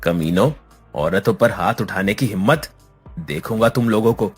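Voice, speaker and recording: Brief: man as a low, husky, outraged cartoon husband, soft music. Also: moderate pace. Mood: indignant. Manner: indignant. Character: angry young husband defending the women. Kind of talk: cartoon voice acting.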